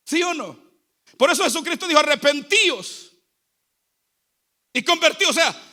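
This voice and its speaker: A man's voice: extremely high pitch, bright, forceful tone. A male pastor preaching a sermon in a repetitive, exhorting cadence, with a Central American Spanish accent.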